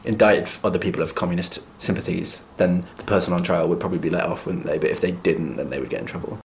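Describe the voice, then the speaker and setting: A man's voice: sits low, fairly even intonation, fast talker, heavy background noise. A man co-hosting a podcast, talking through a play's history in casual chat with dry, mock-serious jokes. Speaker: podcast co-host. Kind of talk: casual chat recapping a play.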